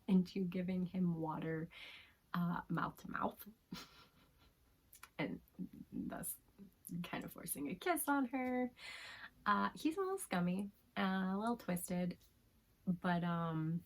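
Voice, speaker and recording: A woman casually reviewing manga, talking softly in a half-whisper with frequent giggles and plenty of fillers and restarts. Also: lowish voice, low-quality recording.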